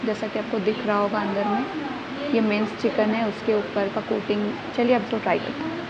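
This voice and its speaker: A woman's voice: mid-range voice, flat delivery, fairly quick, highs cut off, very noisy. A young woman vlogging a casual food review, chatting about each dish as she tastes it in a small restaurant, filmed on a phone at arm's length. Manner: chatty, describes each dish while tasting. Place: small indoor restaurant and outside its entrance.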